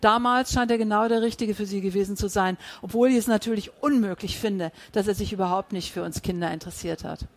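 A reader voicing Nina, a gentle, somewhat unsure woman who speaks earnestly, in an audiobook. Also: sits high, fairly even intonation, fast talker, hardly any pauses.

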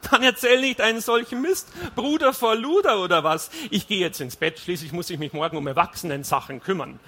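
A man voicing a sharp-tongued, sarcastic young wife and mother in a scolding tone. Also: a little high, quick pace, husky, heavily acted. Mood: scornful.

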